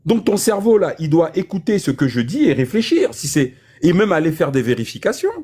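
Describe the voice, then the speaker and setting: A man's voice: fairly high pitch, big pitch swings, fairly quick, mellow, slightly rough. A man lecturing insistently in a heated public debate, repeating his points. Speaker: debate speaker.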